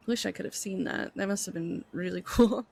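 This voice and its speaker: Creaky-voiced woman chatting in role-play. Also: mid-range voice, brisk, a little mellow. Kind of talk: in-character role-play chat.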